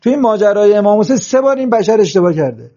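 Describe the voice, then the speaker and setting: Passionate high-voiced man preaching. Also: very animated, dark tone. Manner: passionate, reproachful, rhetorical questions. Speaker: religious speaker. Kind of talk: sermon-style religious talk. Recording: dull lo-fi recording.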